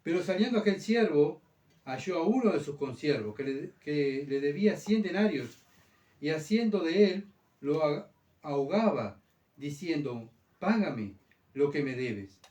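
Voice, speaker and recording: A man's voice: fairly high pitch, expressive, a little slow, dark tone. A male pastor preaching a sermon, asking the church rhetorical questions and repeating his key phrases. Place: church hall. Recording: roomy church sound, mic far off.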